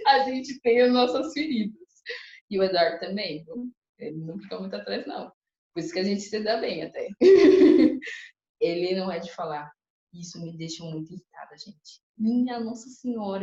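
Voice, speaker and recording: Emotional young woman in echoey hall. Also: mid-range voice. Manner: emotional, lively storytelling that often turns to the audience. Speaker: testimony speaker at a church couples' course. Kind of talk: personal testimony to a group. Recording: echoey, slightly muffled hall recording.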